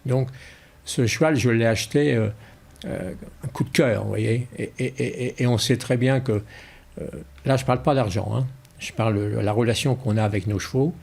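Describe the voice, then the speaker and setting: Interviewed in a relaxed way, the carriage driver speaks at medium pitch and normal speed with a creaky, slightly mellow voice, repeating words while he looks for how to put things.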